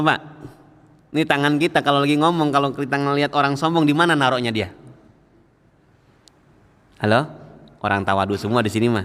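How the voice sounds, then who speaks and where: A man's voice: mid-range voice, a bit bright, clear, resonant tone. A man preaching a mosque sermon, constantly asking the congregation questions and acting out everyday scenes. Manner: engaging, quizzes listeners with frequent questions; acts out everyday scenes and quotes scripture slowly. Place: mosque hall. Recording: reverberant mosque hall.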